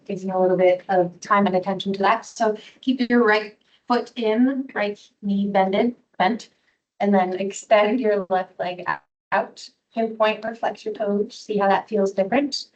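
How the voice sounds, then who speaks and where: A woman yoga instructor leading a restorative class in a soothing, gently encouraging manner. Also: mid-range voice, poor audio.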